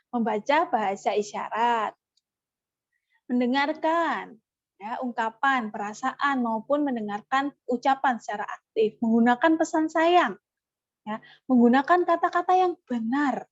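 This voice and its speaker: High-voiced woman leading a parenting workshop. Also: dry recording, highs cut off. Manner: animated, acts out parent-child dialogues. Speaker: parenting trainer. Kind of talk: online parenting workshop talk.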